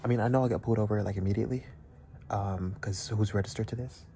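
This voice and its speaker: A man's voice: lowish voice, steady tone, quick pace, background noise. A young man chewing gum and joking to viewers in a casual vlog, filmed on a handheld phone inside stores. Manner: playful, joking asides to viewers; chewing gum while talking. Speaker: vlogger.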